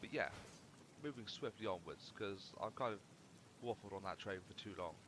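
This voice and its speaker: A man's voice: lowish voice, normal speed, noisy background. A young man rambling casually through gameplay commentary, swearing freely as he chats. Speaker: gaming channel host.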